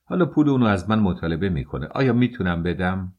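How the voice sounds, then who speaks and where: A man's voice: deep voice, sing-song, dull audio. A man voicing a poor, sickly young student who apologizes and pleads. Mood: apologetic.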